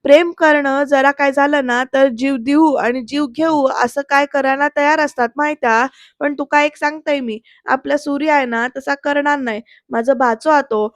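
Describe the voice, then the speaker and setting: A middle-aged village uncle speaks slowly and confidingly, as a woman reads his lines. His voice sits high and sounds close and dry, with no room around it. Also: fairly even intonation, no echo, natural voice.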